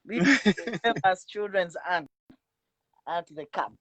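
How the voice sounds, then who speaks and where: A man hosting an interview, asking brisk, direct questions. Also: high voice, lively intonation, fairly bright tone, no room sound, lo-fi sound. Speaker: host.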